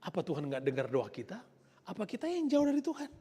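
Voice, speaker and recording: A male pastor preaching a live-streamed church sermon, swinging between soft asides and loud emphatic lines. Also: high voice, huge pitch swings, fast talker, husky. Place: church hall. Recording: long church hall reverb.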